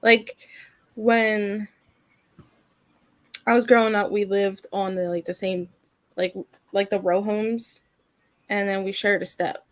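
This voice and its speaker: A woman's voice: mid-range voice, level tone, slow, pauses often, no echo. A woman co-hosting a casual mom podcast, rambling and filling her talk with "like". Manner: rambling, heavy use of "like". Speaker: podcast co-host. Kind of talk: casual chat.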